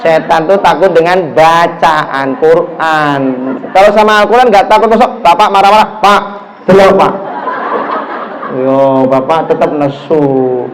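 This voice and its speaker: A middle-aged man from Java with a Javanese accent, giving a lively sermon in a mosque, telling stories and acting out the people in them. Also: on the high side, measured pace, poor audio. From Java, Indonesia. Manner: animated storytelling, acts out dialogue, mixes in Javanese phrases. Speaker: preacher.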